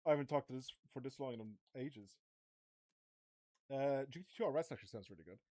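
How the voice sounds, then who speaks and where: A man's voice: mid-range voice, lively intonation, fairly quick, dark tone, no room sound. Rambling young man streaming a racing game. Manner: rambling, swears, chats to viewers. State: starting to lose his voice. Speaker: gaming streamer. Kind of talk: casual live-stream commentary.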